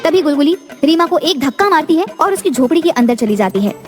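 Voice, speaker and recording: A woman narrating a cartoon storybook in a steady, plain storytelling manner. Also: high voice, brisk, soft background music.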